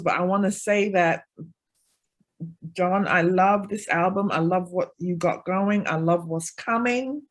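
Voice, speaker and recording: Female interview host, lower-pitched voice, casual and encouraging, repeats herself for emphasis. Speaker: show host.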